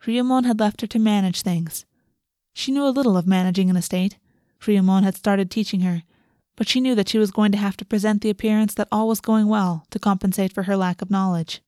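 A woman's voice: medium pitch, warm tone, no echo, clean studio sound. A woman reading scripted fantasy fiction as an audiobook narrator.

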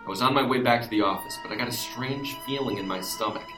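An actor playing an exasperated, self-important sheriff who narrates a comic noir detective story. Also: male voice, medium pitch, fast talker, over music, lightly acted. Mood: wry, hard-boiled. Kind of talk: comic hard-boiled noir narration and dialogue. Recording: roomy echo.

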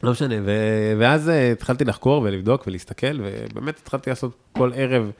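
A man's voice: mid-range voice, creaky. A man with an Israeli accent chatting casually as an interview guest, enthusiastic and emphatic, repeating words for stress. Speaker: podcast guest, chef.

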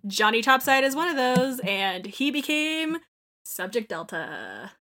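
Animated bright-voiced woman chatting casually. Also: sits high, unhurried. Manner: animated, swears freely, acts out lines of dialogue. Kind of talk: casual chat about a video game.

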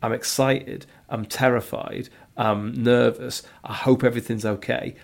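A man in his thirties talking through a podcast chat, rambling and candid with lots of ums. His mid-pitched voice carries a gravelly, creaky edge. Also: fairly even intonation, measured pace. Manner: candid, rambling with many fillers. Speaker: podcast co-host, father of two.

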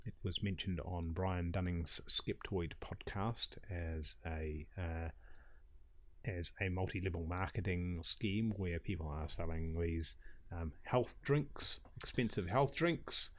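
A man from New Zealand co-hosting a podcast, talking casually in a dry, slow manner. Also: deep voice, fairly bright tone. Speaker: podcast co-host. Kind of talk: casual chat.

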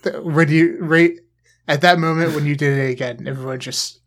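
A man's voice: fairly high pitch, fairly even intonation, normal speed, fairly bright tone. A man hosting a podcast in casual chat, dry and teasing, rambling with plenty of fillers. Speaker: podcast host.

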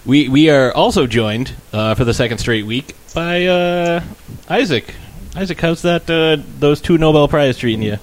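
A man's voice: on the high side, lively intonation, normal speed. A man hosting a podcast with rambling, dry joking introductions and casual comic banter. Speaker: podcast host.

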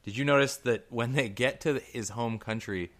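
A young man talking casually as a podcast co-host, rambling and restarting, and rising into excited exclamations. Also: medium pitch, moderate pace. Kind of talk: casual chat.

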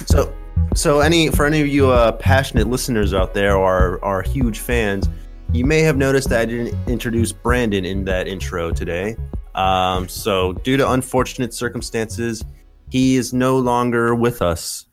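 An upbeat American man hosts a podcast, casual and a little showy as he introduces things. His pitch is middling, and faint music plays softly underneath. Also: normal speed. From United States. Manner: upbeat, playfully overselling. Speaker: podcast host. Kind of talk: casual chat.

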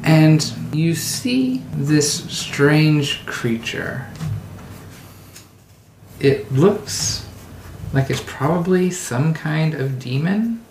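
A game master narrates a tabletop adventure at a slow pace. The delivery halts as scenes are described. The room is echoey, with faint background noise. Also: medium pitch, lively intonation, a little mellow.

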